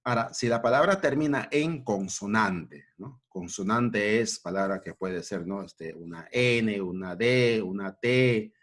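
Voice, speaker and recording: A man teaching a grammar lesson at a board, repeating points and checking in with short questions. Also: fairly low pitch. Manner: slow, repetitive, checking in with "¿no?" and "¿ya?".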